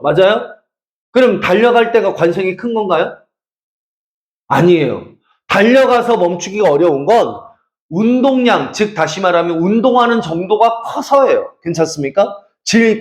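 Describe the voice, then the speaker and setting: Teasing high-voiced male teacher in echoey classroom. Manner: teasing, checks for understanding constantly. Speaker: math and science academy teacher. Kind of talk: classroom lecture.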